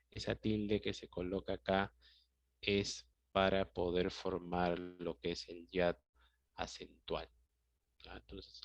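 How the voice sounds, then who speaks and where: Peruvian spanish guy teaching a class, low voice, takes his time, keeps checking in with students. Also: gravelly, no room sound. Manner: patient, explanatory, checks in with "¿ya?" and "¿sí?". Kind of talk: classroom lesson explaining grammar. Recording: dry, dull lo-fi sound.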